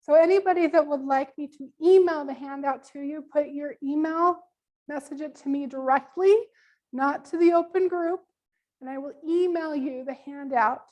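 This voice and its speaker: A woman's voice: sits high, normal speed, darkish tone, dull audio. A woman presenting a live business workshop online, chatty and loose with lots of ums, losing her voice. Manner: casual, many ums, friendly instructions.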